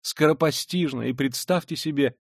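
A man's voice: fairly high pitch, normal speed, vocal fry, no room sound, voice pushed up. Fussy, frightened older mother, breathless exclamations, rambling; male reader plays her, dry read. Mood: gushing.

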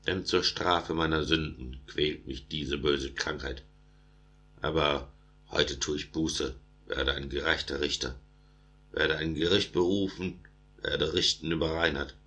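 An unjust lion king of a storybook, now lamenting his sins and swearing to judge rightly, read by a man with a very deep voice. He speaks in steady, rhythmic verse. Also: unhurried, exaggerated voice. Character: male lion king, unjust ruler turned penitent.

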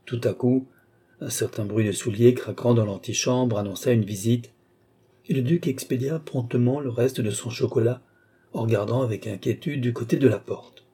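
A man narrating a classic novel in a measured reading voice. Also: mid-range voice, warm tone, husky. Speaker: audiobook reader. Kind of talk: scripted narration.

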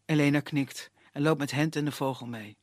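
A storyteller narrating a puppet show tale in a gentle, matter-of-fact way. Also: male voice, fairly high pitch, steady tone, moderate pace, no echo, clean studio sound.

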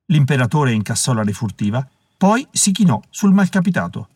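A man reading an audiobook as the narrator, telling the story in a measured, dramatic way on a close studio mic. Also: medium pitch, very animated, darkish tone, slightly rough, dry recording. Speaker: audiobook reader. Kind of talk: scripted narration.

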